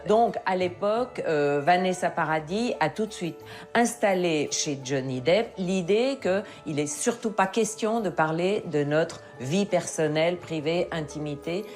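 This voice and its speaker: A woman's voice: fairly low pitch, animated, slow pace, a little mellow, soft background music. A woman commentating in a documentary interview, speaking in emphatic, dramatic short phrases.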